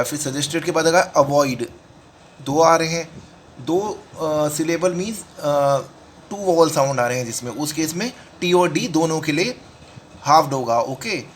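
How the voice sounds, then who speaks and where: A man's voice: a little high, a bit bright, slight background noise. A man with an Indian accent teaching shorthand in a casual tutorial, repeating each word and checking in with "okay" as he goes. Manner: talks through examples slowly, repeating words and saying "ठीक है" often.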